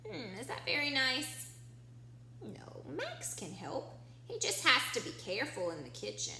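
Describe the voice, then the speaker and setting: A sharp, high-pitched woman's voice belongs to an early-years teacher reading a picture book aloud to little children. She explains simply and poses prompting questions, in an echoey room with a faint hum behind her.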